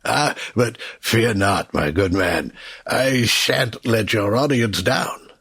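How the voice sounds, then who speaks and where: Gravelly, genial Watson. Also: male voice, lowish voice, slow, fairly bright tone, no echo, studio quality, exaggerated voice. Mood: apologetic. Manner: hearty, old-fashioned, avuncular. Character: genial, fussy older English gentleman doctor. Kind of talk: old-time radio comedy acting.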